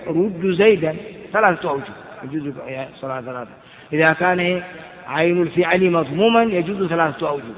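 Man, grammar teacher, reads a text and explains, high voice, muffled echoey hall. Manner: reads a text aloud, then explains it with rhetorical questions. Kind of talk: classroom commentary on a grammar text.

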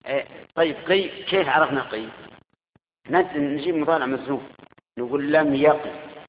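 A man's voice: on the high side, normal speed. A man teaching a grammar class, quizzing his students and repeating their answers. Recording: tinny echoey hall recording.

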